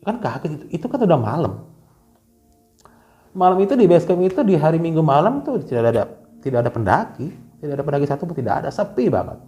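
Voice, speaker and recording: A man telling a story in a casual guest chat, lively and slangy, full of restarts and asides. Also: fairly high pitch, quick pace.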